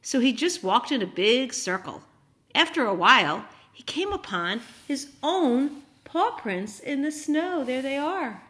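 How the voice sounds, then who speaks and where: A woman reading a story aloud to young children, animated and encouraging, often putting questions to her listeners. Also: high-pitched, a little slow.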